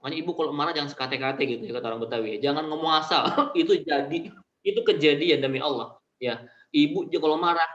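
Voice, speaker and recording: A man's voice: a little high, fast talker, fairly bright tone. Chatty male preacher on a roomy call. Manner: chatty, colloquial, addresses listeners directly with frequent "ya". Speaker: Islamic preacher. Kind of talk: online Islamic study sermon to mothers. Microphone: video call. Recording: roomy, dull lo-fi video call audio.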